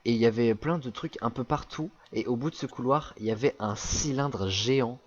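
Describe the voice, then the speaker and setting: A man's voice: medium pitch, brisk, muffled recording. A young French man rambling through a casual travel anecdote, full of fillers and restarts. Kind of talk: casual storytelling chat.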